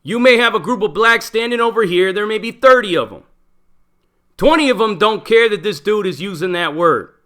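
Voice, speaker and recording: A man's voice: sits high, expressive, normal speed, fairly bright tone. A middle-aged man, a former prisoner, talking bluntly in a casual monologue full of profanity and street slang. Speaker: channel host, former prisoner.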